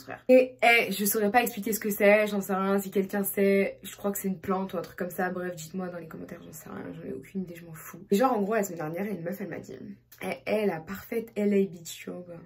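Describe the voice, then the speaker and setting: Woman, 20s, vlogger; husky and breathy, mid-pitched, slangy and chatty. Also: fairly even intonation, quick pace. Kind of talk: casual vlog chat.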